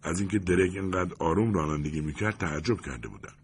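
A man calmly narrating an audiobook in an even storytelling manner. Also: low voice, breathy edge.

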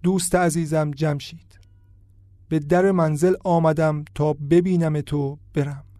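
A man narrates a story in a measured, steady way. His voice is mellow and fairly high, recorded close and dry with no room sound. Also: dry recording. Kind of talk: audiobook narration.

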